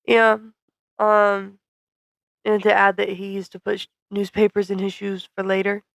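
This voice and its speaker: A female podcast co-host recapping a film with wry, teasing humor. Her voice is at an ordinary pitch for a woman, with a gravelly fry running through it. The sound is dry and close to the mic. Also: monotone, measured pace, no room sound. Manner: wry, teasing, sarcastic asides. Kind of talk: casual movie review chat.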